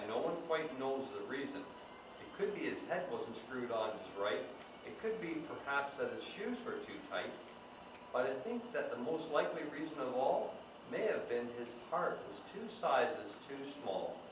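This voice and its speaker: A man's voice: medium pitch, natural voice. A man playing Santa Claus as a jolly, folksy storytime host, reading storybooks aloud to children with chatty asides. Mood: storytelling, measured. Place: echoey indoor room, away from the mic. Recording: very echoey room, distant mic, faint noise.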